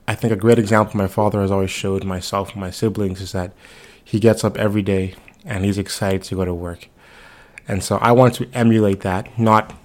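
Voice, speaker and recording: Podcast host, twenties, from the Bahamas, lowish voice, easygoing and chatty. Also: male voice. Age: 20s. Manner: relaxed, conversational, with frequent fillers. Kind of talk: solo podcast introduction.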